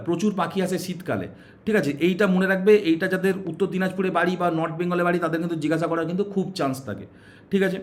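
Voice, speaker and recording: Quick, high-voiced coaching teacher man. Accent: West Bengal Bengali. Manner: asks questions and answers them himself, repeating "okay"; coaxing, uses story tricks to aid memory. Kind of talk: classroom-style exam prep lesson.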